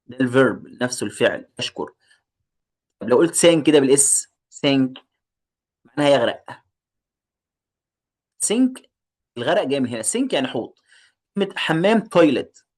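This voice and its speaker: A man with an Egyptian Arabic accent teaching a lesson, asking questions and answering them himself and repeating each word for his pupils. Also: mid-range voice. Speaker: English teacher.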